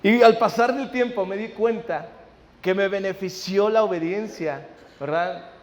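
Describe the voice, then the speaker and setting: Delivering a sermon at a measured pace, this male pastor has a high voice. He checks in with his listeners often and performs family conversations within his stories, all under long hall reverb.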